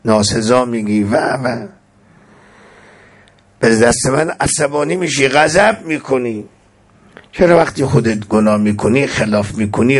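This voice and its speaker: Man preaching a sermon, slow arabic recitation then plain explaining, voice jumps up for emphasis. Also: mid-range voice. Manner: recites Arabic verses slowly, then explains them in colloquial speech.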